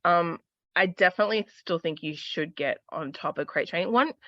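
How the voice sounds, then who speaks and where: A woman's voice: on the low side, moderate pace, bright, forceful tone, no echo, muffled recording. A woman dog trainer explaining things in a casual chat, confident and often checking in with "right?".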